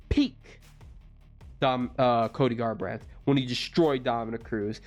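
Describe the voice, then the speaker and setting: A young man in his twenties, rambling through casual fight predictions with lots of self-corrections. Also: medium pitch. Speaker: MMA fight previewer.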